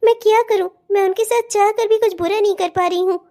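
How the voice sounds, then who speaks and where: A woman voicing a bold, sharp-tongued young bride in a cartoon, scolding and defiant. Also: very high voice, steady tone, quick pace. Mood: confiding. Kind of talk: cartoon voice acting.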